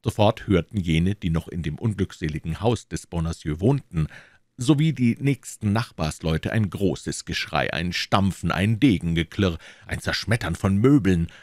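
A man reading a classic novel aloud as an audiobook, in measured, expressive storytelling. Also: low voice, dry recording, studio quality. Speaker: audiobook reader. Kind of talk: scripted narration of a classic novel.

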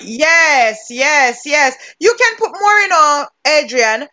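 A female cooking instructor with a Jamaican accent teaches a class over a video call, giving step-by-step directions and laughing easily. Her voice is high-pitched, animated yet slow, with a pushed, bright quality.

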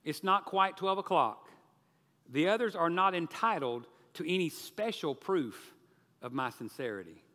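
A preacher voicing a kindly rich employer. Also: male voice, on the high side, lively intonation, measured pace, sharp tone, voice pushed up. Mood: questioning. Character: kind wealthy older male employer. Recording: reverberant church sanctuary.

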